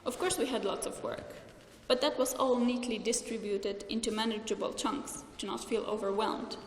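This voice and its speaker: A woman's voice: fairly high pitch, fairly even intonation, normal speed, a little hiss or hum. Young Slovenian woman giving a graduation speech. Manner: careful, earnest, read from notes with small restarts. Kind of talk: formal ceremony speech. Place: large hall. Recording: echoey hall with faint ambience.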